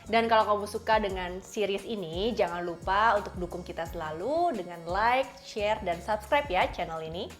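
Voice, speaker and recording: A woman's voice: mid-range voice, normal speed, hardly any pauses, faint music behind. Casual podcast co-host, woman, slangy and explanatory. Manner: explains with demonstrations, relaxed slangy delivery.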